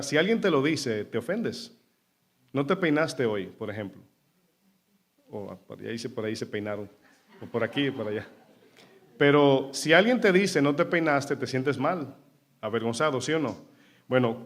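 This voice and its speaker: A male pastor preaching a sermon to a congregation, asking questions and answering them himself. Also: medium pitch. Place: church.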